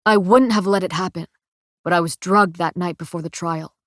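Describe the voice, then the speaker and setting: A woman reading the lines of a remorseful young male soldier in a soft, choked, low-key way. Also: moderate pace, no room sound, studio quality, close to an everyday voice.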